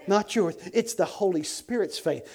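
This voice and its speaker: A middle-aged man, a guest evangelist, telling an animated testimony on a TV show, dropping to hushed tones and bursting out loud with chuckles. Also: moderate pace. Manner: swings between hushed low tones and loud excited outbursts, chuckling.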